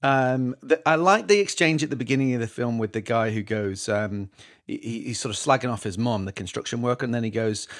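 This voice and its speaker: A man's voice: mid-range voice, fairly quick. A man hosting a podcast, talking in a rambling, self-interrupting way. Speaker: podcast host. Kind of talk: casual podcast chat.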